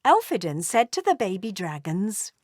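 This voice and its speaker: In clean studio sound with no room echo, a woman with a mid-range voice narrates a children's story in an expressive, deliberate storytelling style.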